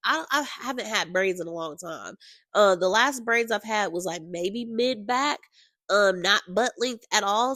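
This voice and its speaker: A woman hosting her own podcast, telling a story in a casual, exasperated, animated way and talking straight to her listeners. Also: mid-range voice, no room sound, studio quality. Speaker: podcast host.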